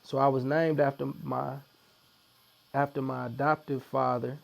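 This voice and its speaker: A man with a St. tells his story in a relaxed, chatty way. His voice has a gravelly edge, and he slips into the voices of the people he quotes. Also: mid-range voice, measured pace. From Missouri, USA. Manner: animated storyteller who acts out quotes. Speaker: podcast guest. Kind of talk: storytelling in casual conversation.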